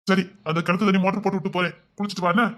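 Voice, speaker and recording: An actor playing a devoted husband who gently and insistently coaxes his wife, repeating himself as he pleads. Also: high voice, little pitch movement, racing, natural voice. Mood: tender. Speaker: husband in a drama series. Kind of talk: emotional drama acting.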